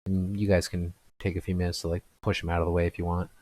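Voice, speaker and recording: A man narrating a tabletop game as game master, in a halting way with many fillers. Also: deep voice, flat delivery, darkish tone, a little hiss or hum.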